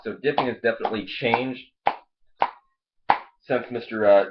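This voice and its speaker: A man's voice: medium pitch, moderate pace, very noisy. A man hosting a casual review video, rambling and swearing, talking with a lip full of dip. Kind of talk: casual product review chat. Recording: dull lo-fi home video audio.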